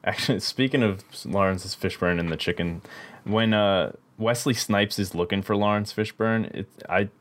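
A man's voice: on the low side, normal speed. A young man co-hosting a podcast, casually telling stories with frequent laughs. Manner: laughing, animated storytelling. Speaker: podcast co-host. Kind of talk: casual chat.

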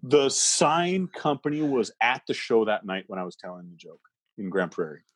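Husky-voiced male comic from Canada, animated storyteller, dry close sound. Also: fairly low pitch, normal speed, no echo. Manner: animated, laughs through his own story. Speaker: comedian guest. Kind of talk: casual storytelling.

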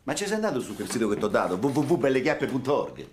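A man's voice: medium pitch, sing-song, fast talker, background noise, lightly acted. An actor playing a crude, boisterous middle-aged stepfather in a film comedy scene. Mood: bellowing, crude. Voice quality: loud, hammy comic delivery.

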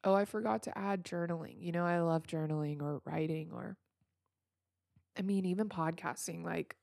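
Earnest low-voiced woman podcaster. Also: normal speed, vocal fry, darkish tone, dry recording, clean studio sound. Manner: earnest and reassuring; loose, rambling phrasing with many restarts. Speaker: podcast host. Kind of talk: casual self-help talk.

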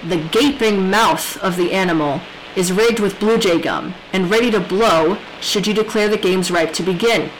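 A woman's voice: mid-range voice, slight background noise, natural voice, poor audio. A woman playing a defiant rebel leader who broadcasts threats in a grand, coolly menacing manner. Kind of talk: audio drama acting.

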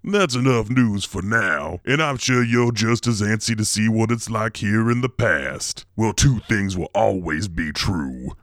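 A man's voice: on the low side, a bit bright, dry recording, clean studio sound. A man playing a grimy, bragging pirate radio DJ. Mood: promotional. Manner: slow folksy drawl, crude bragging. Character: grimy boastful male pirate radio DJ, king of mess. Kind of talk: actual-play radio show bit.

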